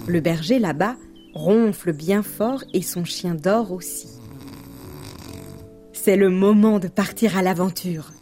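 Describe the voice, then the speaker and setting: A woman reading a children's storybook aloud in a gentle, calm way. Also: mid-range voice. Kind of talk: scripted storybook narration.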